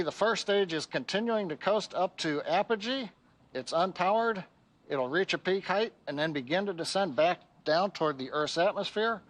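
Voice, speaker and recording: Higher-voiced man giving launch commentary. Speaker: launch webcast host. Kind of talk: live technical commentary.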